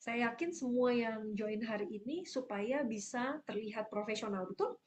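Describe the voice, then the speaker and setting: A woman coaching public speaking in an online workshop, answering questions and explaining with lively examples. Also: on the high side, normal speed.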